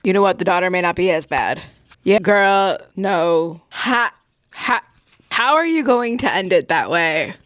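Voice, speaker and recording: A woman's voice: fairly low pitch, animated, normal speed, no room sound, clean studio sound. A woman and mother vlogging casual reactions to her reading, talking emphatically and exclaiming straight to her viewers. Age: adult mother. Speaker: book vlogger.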